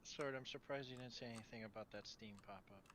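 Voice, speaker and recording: A man's voice: medium pitch, quick pace, fairly bright tone, slight background noise. A man on a voice call, dropping dry teasing remarks. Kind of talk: casual chat on voice call.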